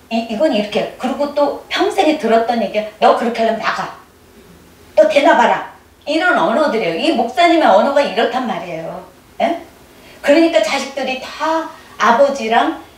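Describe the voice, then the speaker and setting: Woman, middle-aged, testimony sermon, quizzes the audience, slightly high voice, roomy echo. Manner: keeps prodding the audience with quick questions. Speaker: church speaker giving testimony. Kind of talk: conversational sermon. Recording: echoey room, mic at a distance.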